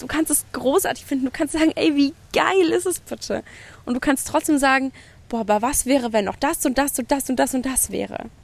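A woman's voice: high-pitched, vocal fry. A woman hosting her own podcast, giving an effusive spiritual pep talk, swearing casually and mixing in English phrases. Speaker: podcast host. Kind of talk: spiritual motivational monologue. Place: outdoors by the sea at night.

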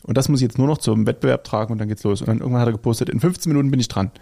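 A German-accented man chatting casually as a podcast co-host. His voice is gravelly and dark, and he wanders through his anecdotes, correcting himself as he goes. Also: medium pitch, very fast. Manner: rambling, anecdotal, self-correcting. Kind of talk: casual chat.

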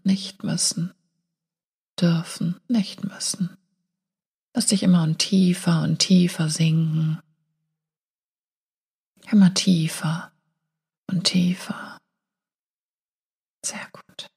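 A woman guiding a hypnotic meditation in a slow, soothing hypnotist voice, breathy and often falling near a whisper, with long pauses. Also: fairly low pitch, flat delivery, darkish tone. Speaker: meditation guide and show host.

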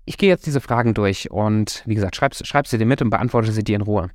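A man's voice: lowish voice, a little fast, background noise. A man giving a motivational talk as a coach, speaking directly and encouragingly to the listener and stretching his key words.

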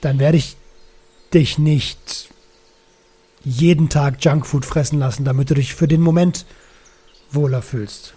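Man putting on a pushy, slangy inner-voice buddy; slightly high, soft tone. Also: fairly even intonation, unhurried, pauses often, husky. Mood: bargaining. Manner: demanding, slangy, coaxing.

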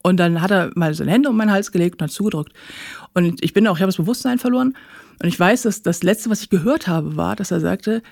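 A woman's voice: fairly low pitch, quick pace, creaky, a little mellow, dry recording, studio quality. A woman guest recounting her own painful experiences candidly and matter-of-factly in an interview. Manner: candid, matter-of-fact about painful events. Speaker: guest, author. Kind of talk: personal interview account.

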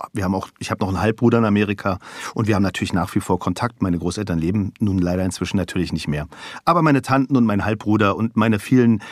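Recorded at studio quality without echo, this lowish-voiced German voice actor in his fifties sits in as a talk show guest. The interview is casual, and he shares a personal story in an open, easygoing way, peppering it with fillers.

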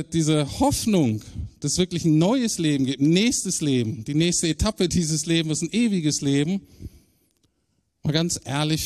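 Male preacher, somewhat high voice, conversational sermon with emphatic swings in tempo and pitch. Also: darkish tone. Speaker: pastor.

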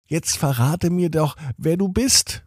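A man's voice: on the high side, slow pace, breathy edge, no room sound, clean studio sound, pitched above the performer's own voice. A man voicing a dreamy, puzzled schoolgirl in a children's story, asking bewildered questions.

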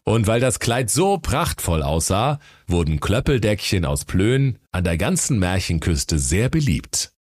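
Deep-voiced man narrating a comic fairy tale. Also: big pitch swings, unhurried, hardly any pauses. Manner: dry, mock-solemn storytelling. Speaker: storyteller.

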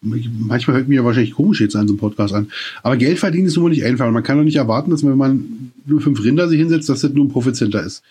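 A man's voice: medium pitch, warm tone, breathy edge. A man from East Germany co-hosting a casual podcast, ranting with many restarts. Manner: rapid, restarts and rants. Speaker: podcast co-host.

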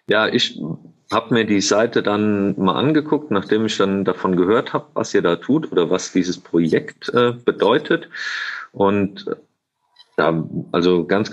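A deep-voiced man hosts a casual podcast interview, the highs cut off in the recording. He comes across as friendly yet a little hesitant, using plenty of fillers.

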